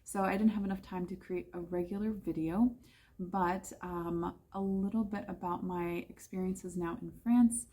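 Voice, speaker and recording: This English teacher from the United States talks casually about living abroad for her vlog, frequently backtracking with fillers. She speaks at a normal speed in a lowish, warm voice with a steady tone.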